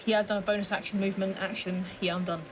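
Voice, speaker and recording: A woman's voice: medium pitch, little pitch movement, racing. A woman chatting casually as a player at a tabletop game.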